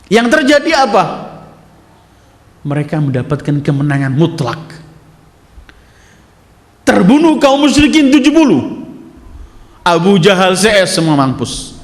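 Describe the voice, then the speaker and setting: A male preacher delivering Quran commentary in a lively, high-pitched voice that swings widely in pitch. He builds to loud, emphatic recitations. The sound carries a long, roomy echo, as if recorded in a large hall. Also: a little slow, pauses often. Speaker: Islamic preacher. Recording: echoey hall.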